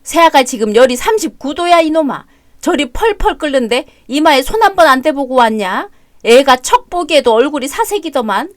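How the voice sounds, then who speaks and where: A woman voicing a fiery but caring older mother-in-law in an audio drama story, fussing and scolding loudly. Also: high voice, lively intonation, moderate pace, no room sound, clean studio sound. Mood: furious.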